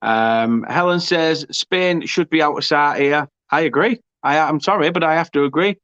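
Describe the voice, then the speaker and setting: A man's voice: fairly high pitch, normal speed, clear, resonant tone, no room sound. A man hosting a live football watchalong, chatting and reacting to the match. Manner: excitable, shouts during goal moments. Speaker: watchalong host. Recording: dull lo-fi dry sound.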